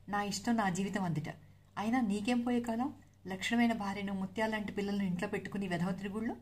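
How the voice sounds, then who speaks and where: A woman's voice: mid-range voice, a little mellow, close to an everyday voice. A woman voicing a stern, angry middle-aged elder brother who scolds bluntly in a story reading.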